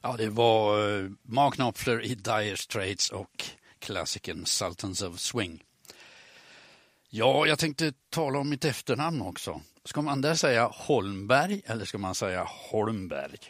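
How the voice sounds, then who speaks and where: A man with a northern Swedish accent talks on the radio in a low, unhurried voice. He explains things patiently, like a storyteller. The recording is close and dry, with no room sound. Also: expressive, fairly bright tone, no room sound. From Norrland, northern Sweden. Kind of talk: radio talk on language and family history.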